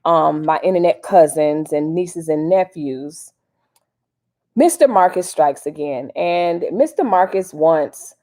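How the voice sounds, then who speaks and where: This American host from Miami has a deep, mellow voice with lively intonation, and she talks slowly. On her casual livestream she rambles in folksy slang, answering viewers and offering commentary along the way.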